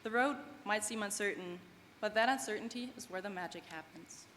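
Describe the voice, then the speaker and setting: Speaking at her graduation ceremony, a twenty-something student from Germany delivers a sincere, prepared commencement address in English, which isn't her first language. Her pitch sits in the middle, her tone is fairly bright, and her pace is slightly quick. Long reverb from the large event hall and faint background noise come through.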